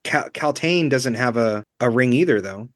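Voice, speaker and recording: A man's voice: medium pitch, animated, normal speed, no echo. A man chats with friends about a book, asking questions and repeating bits of his sentences as he works out his point. His voice sits in an ordinary middle range, with a dry sound. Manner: inquisitive, repeats his phrases while thinking. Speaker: book discussion co-host. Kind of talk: casual book club chat.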